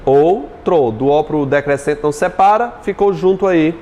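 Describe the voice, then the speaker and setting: Chatty Brazilian teacher man, higher voice. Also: darkish tone. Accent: Brazilian Portuguese. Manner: chatty, jokes with students, spells words out slowly. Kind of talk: exam-prep lesson.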